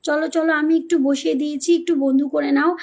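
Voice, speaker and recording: High-voiced woman hosting a live stream. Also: little pitch movement, fast, a little mellow. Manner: pleading, coaxing viewers, repeats names and phrases. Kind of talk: casual live-stream chat reading comments.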